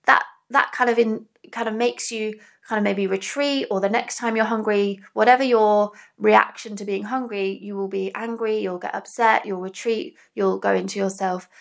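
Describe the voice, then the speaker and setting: A woman speaking earnestly and gently into a small dictaphone indoors, with many fillers, reflecting personally as a podcast host. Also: medium pitch, gravelly. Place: indoors in front of a mirror. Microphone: small dictaphone recorder.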